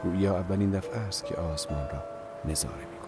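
Deep-voiced man reading a novel. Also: over loud music. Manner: measured, reflective reading. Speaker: audiobook narrator. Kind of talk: scripted literary narration.

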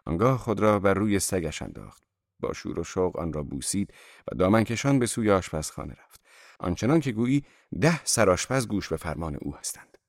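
A man narrating an audiobook with an expressive, dramatic reading. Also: low-pitched, no echo, clean studio sound.

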